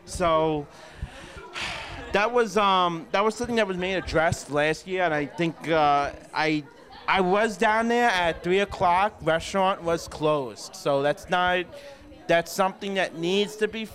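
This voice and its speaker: Young male host, slightly high voice, rambling, casual recap chat. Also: measured pace, a bit bright, some chatter behind. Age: young adult. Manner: rambling, with fillers and restarts.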